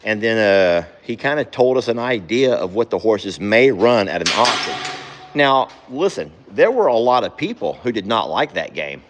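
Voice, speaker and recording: A man talks casually in a low voice while working in a barn. He coos at his animals and jumps to a much higher pitch when he scolds them. A faint hiss sits behind him. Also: big pitch swings, moderate pace. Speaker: farm vlogger. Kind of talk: casual vlog chat while doing barn chores.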